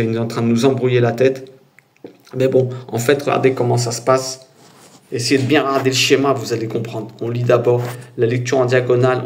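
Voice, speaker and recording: A man's voice: medium pitch, darkish tone. A man teaching as a patient instructor, walking through a diagram step by step and often checking whether listeners follow. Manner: patient, explains step by step, many "d'accord?" check-ins. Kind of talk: casual teaching over a diagram.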